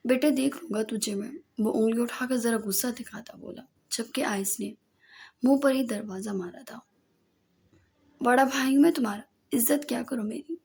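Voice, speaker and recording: A woman narrating a romance novel audiobook in a soft, sometimes breathy voice. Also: a little high.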